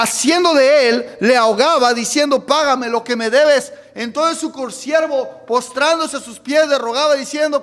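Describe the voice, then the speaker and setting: A man preaches a midweek sermon in a very high voice, firing questions at the congregation and pressing each point until it swells to a shout. His voice rings through a church sanctuary with a long, trailing reverb. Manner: preaching with repeated calls of "hermano" and questions to the congregation; fervent, rising to shouts. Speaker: pastor. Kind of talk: midweek Bible study sermon.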